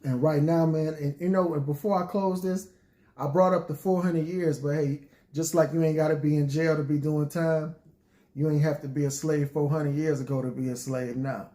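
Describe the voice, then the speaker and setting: A man's voice: fairly high pitch, fairly even intonation, moderate pace, warm tone. A man speaking informally and reflectively to listeners in a folksy, preacherly way, as a poet sharing his thoughts. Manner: folksy, preacherly, often addresses listeners as y'all. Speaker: poet addressing an audience.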